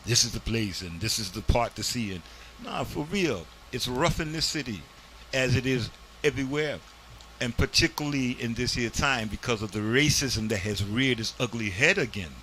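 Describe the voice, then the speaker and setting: With an expressive, sharp-toned mid-range voice, a community TV host speaks at a moderate pace with few pauses, preaching emphatically in a casual studio interview and using "this here." The low-quality recording carries a little hiss or hum.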